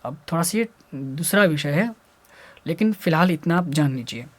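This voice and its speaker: At normal speed and with lively intonation, a man walks school students through a Hindi grammar lesson. He says letter sounds aloud repeatedly, answers his own questions, and alternates between loudly drilled syllables and quiet muttering.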